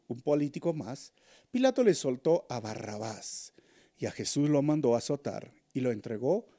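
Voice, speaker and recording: A man preaching a Bible study sermon, swinging between loud emphatic bursts and hushed low phrases, calling listeners brothers. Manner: addresses listeners as brothers, acts out crowd shouts. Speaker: pastor.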